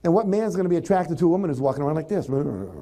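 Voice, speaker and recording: Mellow-voiced man giving a motivational talk. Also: on the high side, racing. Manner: conversational, animated, acts out example thoughts. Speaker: motivational speaker.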